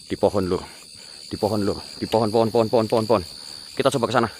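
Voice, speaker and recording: Man, ghost-hunt host, booming chanted calls, hushed asides, outdoors at night, faint crickets. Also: fairly even intonation, very fast, a little hiss or hum. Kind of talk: night-time paranormal vlog. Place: outdoors at night among trees. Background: crickets and insects.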